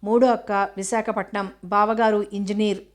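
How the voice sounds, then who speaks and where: A woman's voice: mid-range voice, level tone, normal speed, close to an everyday voice. A woman voicing a mischievous little girl who answers questions in a matter-of-fact, playful way in a storybook reading. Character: mischievous little girl telling tall tales.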